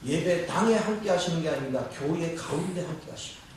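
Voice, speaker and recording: A man's voice: fairly high pitch, fast, recorded from a distance, a little hiss or hum. Preaching man in an echoey church. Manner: preaching with rhetorical questions to the congregation. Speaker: pastor. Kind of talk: sermon. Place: church sanctuary. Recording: echoey church hall, mic from afar.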